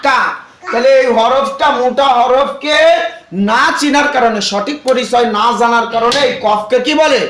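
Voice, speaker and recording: A man's voice: very high-pitched, steady tone, normal speed, fairly bright tone. A man teaching Quran letter pronunciation, asking questions and repeating sounds for a class to echo. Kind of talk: classroom call-and-response drill. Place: classroom with students. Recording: echoey room with a class around.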